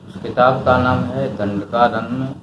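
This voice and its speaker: An older man, a retired writer and historian, answering interview questions in a measured, reflective way. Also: medium pitch, fairly even intonation, roomy sound, noisy background.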